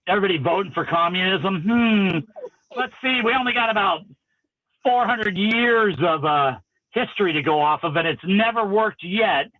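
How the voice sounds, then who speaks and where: A man's voice: sits high, normal speed, no echo, narrow, tinny audio. A man chatting casually on a podcast, acting out the dialogue in his stories. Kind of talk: casual storytelling chat.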